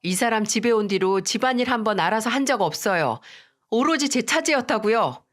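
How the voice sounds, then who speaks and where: Brief: a woman doing a sharp, dismissive young daughter-in-law in a storybook drama, curt and cold. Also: a little high, expressive, fairly quick, lightly acted. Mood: defiant. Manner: snappish, dismissive. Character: angry defiant young wife, daughter-in-law.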